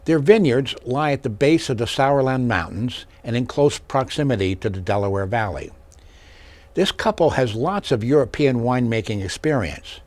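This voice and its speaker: A man's voice: medium pitch, animated, normal speed, a little mellow, dry recording. A man hosting an interview in a studio, reading a scripted introduction and asking questions. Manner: scripted introduction, brief listening affirmations. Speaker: host.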